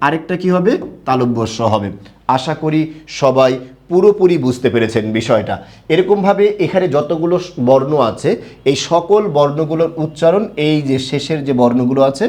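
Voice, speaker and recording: Rather high-voiced man teaching Bengali. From Bangladesh. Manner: asks the class questions and answers them himself; spells words out slowly letter by letter. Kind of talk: online pronunciation lesson.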